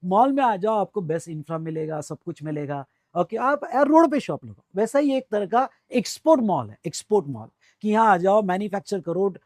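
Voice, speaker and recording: A man with an Indian accent teaching a tax class, drilling key phrases slowly and calling on students to repeat and answer. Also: high-pitched, very animated, a little mellow, no room sound, clean studio sound. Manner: addresses students directly, calls for answers. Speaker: tax lecturer. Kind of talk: classroom lecture mixing Hindi and English.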